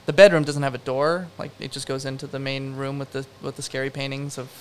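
A man's voice: medium pitch, level tone, fast, smooth. A young man, a production designer, answering interview questions in a rambling, casual way full of fillers and self-deprecating asides.

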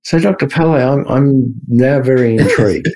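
A man hosting an interview, asking his questions in a measured, deliberate way. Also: mid-range voice, mellow. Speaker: podcast host.

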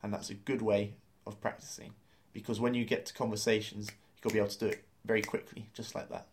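Male lesson host, fairly low voice, upbeat explainer who laughs easily. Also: level tone, fast talker. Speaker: language course host.

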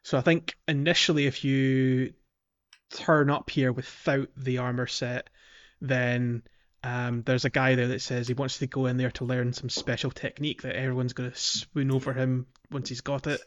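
A man co-hosts a casual gaming podcast, explaining things hesitantly and checking that others agree. His mid-range voice is flat at normal speed, and the sound is lo-fi.

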